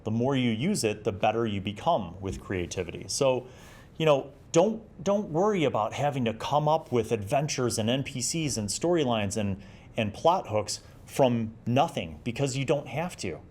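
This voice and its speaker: A very animated man in his forties with a mid-range, darkish voice speaks at normal speed. Hosting a tabletop roleplaying review show, he comments on magazine pieces, reads excerpts, and adds advice in an encouraging, explanatory, conversational style.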